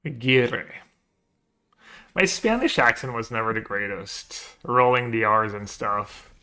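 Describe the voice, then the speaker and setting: A man's voice: fairly low pitch, lively intonation, unhurried, sharp tone, clean tone. A man streaming a card game, chatting casually with viewers and thinking aloud in short, trailing phrases. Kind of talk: casual gameplay chat to a live chat.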